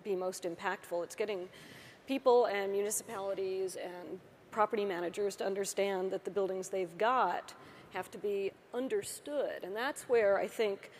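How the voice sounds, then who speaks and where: A woman's voice: mid-range voice, fairly even intonation, moderate pace. A woman architect in her fifties speaks earnestly and emphatically on a panel. Her mid-range voice is carried by a lapel mic with a long hall reverb and a faint background hum. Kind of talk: panel discussion. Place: large auditorium stage.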